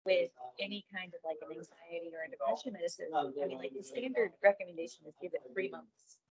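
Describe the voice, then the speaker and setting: A woman's voice: fairly low pitch, fast talker, a crowd in the background. A woman co-hosting a podcast, chatting in an upbeat, nerdy way. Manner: chatty and upbeat, calls herself a nerd. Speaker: podcast co-host. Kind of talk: casual chat. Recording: dull lo-fi sound.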